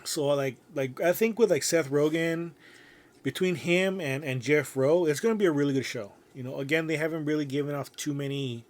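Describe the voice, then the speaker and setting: A man co-hosting a podcast, talking loosely and excitedly, leaning on "like" and "dude" and swearing freely. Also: fairly high pitch, a little fast. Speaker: podcast co-host. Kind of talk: casual chat.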